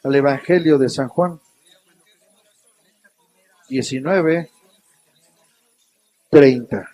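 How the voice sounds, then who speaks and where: A man's voice: mid-range voice, drawn-out words, mellow. A man preaching a conversational sermon with a Mexican Spanish accent, often asking his listeners questions. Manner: conversational, asks the congregation questions.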